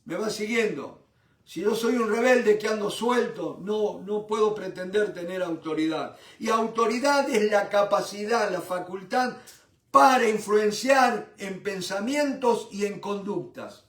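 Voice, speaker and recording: Fervent high-voiced preacher, echoey room. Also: male voice, unhurried, distant mic. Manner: fervent, addresses listeners as brothers. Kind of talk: Bible study sermon.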